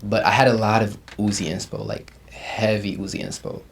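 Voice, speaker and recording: At normal speed and on the low side, a Ugandan man in his twenties, a rapper, chats casually in an interview. He keeps things laid-back and slangy, frequently asking "you feel me."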